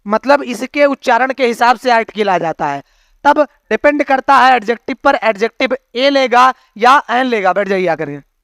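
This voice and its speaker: High-voiced man teaching a grammar class. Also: fairly bright tone, smooth, no room sound, clean studio sound. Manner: explains with homely analogies, keeps checking understanding with questions. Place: classroom with students.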